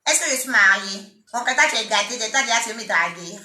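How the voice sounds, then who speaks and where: A woman with an Ivorian French accent talks on a live stream, teasing her commenters and scolding them in jest. Her voice is very bright and sharp and sits a little high. The sound comes from an echoey room. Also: a little fast, a little hiss or hum. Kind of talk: casual live-stream chat.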